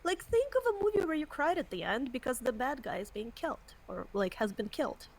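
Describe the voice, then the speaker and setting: Woman streamer, casual chat, giggly and gushing, high voice, swooping pitch. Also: sing-song, a little fast. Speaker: streamer, co-host.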